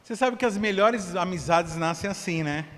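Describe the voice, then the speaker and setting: A man's voice: high voice, moderate pace, fairly bright tone, big-room sound. A male pastor preaching a sermon in a casual, conversational way, acting out the voices of church members.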